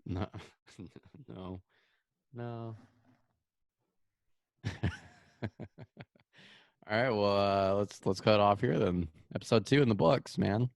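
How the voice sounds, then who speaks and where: A man's voice: on the low side, takes it slowly, creaky, pauses often, no echo. A young man co-hosting a podcast, chatting casually, laughing often and letting sentences trail off. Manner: laid-back, laughing, trailing off. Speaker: podcast co-host. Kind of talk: casual chat.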